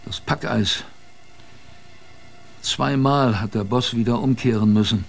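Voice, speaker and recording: In a radio drama, an actor plays an old grandfather who survived a polar expedition, telling his tale with tenderness and pride and pausing to reflect. His voice is medium-pitched and gravelly, with faint music playing behind it.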